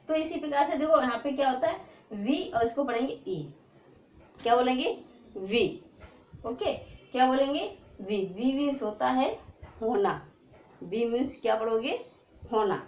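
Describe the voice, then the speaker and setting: A woman with a high voice teaches a pronunciation lesson. She keeps posing questions and answering them herself, checking that the class follows. Her voice rings in a roomy, echoey space. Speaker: English teacher. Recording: echoey room.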